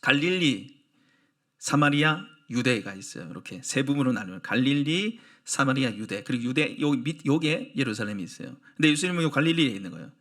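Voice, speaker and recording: A male pastor giving a Sunday sermon, animated and conversational, putting questions to the congregation. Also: mid-range voice, a little fast.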